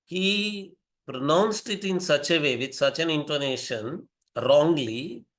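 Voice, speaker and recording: An older man with an Indian English accent speaks in a fairly high voice. He lectures slowly and carefully, repeating and rewording his points with small fillers. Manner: measured, repeats and rephrases himself, fillers. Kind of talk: explanatory lecture.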